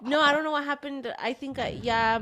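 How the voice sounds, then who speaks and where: A young woman with a slightly high voice chats casually on a podcast. She is pregnant and talks in a rambling, loose way, laughing often between thoughts. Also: a little fast, a bit bright, slight background noise. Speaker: podcast co-host. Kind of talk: casual chat.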